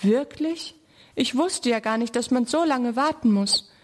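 A woman's voice: a little high, unhurried, a little mellow, voice pushed up. A woman doing an eager little boy. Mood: excited. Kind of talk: storybook reading.

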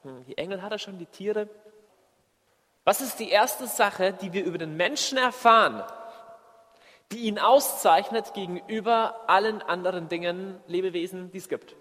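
A man preaching a sermon, shifting between loud emphatic lines and quiet, slowed asides. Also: high-pitched. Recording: long hall reverb.

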